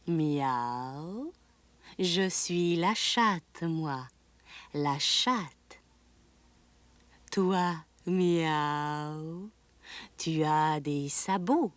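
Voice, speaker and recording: A woman doing a gentle meowing cat. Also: low voice, no echo, full character voice. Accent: Québécois French. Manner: meows between words, soft and kindly.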